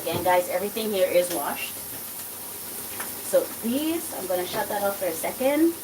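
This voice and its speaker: Food sizzles in the pan and the kitchen is loud as this Trinidadian-accented cook, born in Dominica and raised in Trinidad and Tobago, chats and rambles for her cooking channel. She speaks at medium pitch and a moderate, animated pace, her voice distant and off-mic.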